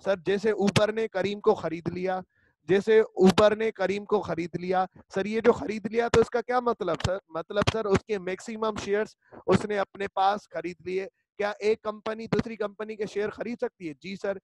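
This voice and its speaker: A man's voice: high-pitched, fairly even intonation, normal speed, noisy background. A male law teacher, giving an online class lecture and drilling students by repeating key terms. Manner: repetitive, drilling students with call-and-response.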